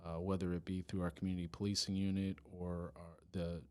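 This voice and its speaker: A man with a very low, deep voice talks through a casual podcast interview about his police department's work. He is earnest, stops and restarts often, and laughs easily. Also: level tone, a little fast, clean tone. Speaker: police department chief of staff, guest.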